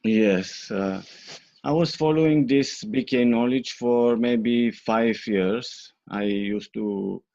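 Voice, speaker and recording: A man's voice: mid-range voice, slow, darkish tone, dry recording. A man from Bulgaria answering interview questions, hesitant, with many fillers. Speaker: interview guest. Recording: dull lo-fi dry sound.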